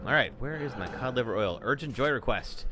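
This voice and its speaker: A man's voice: mid-range voice, animated, brisk, crowd noise. A man streaming a game live, chatting to viewers and reading on-screen text aloud. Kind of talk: live gameplay commentary.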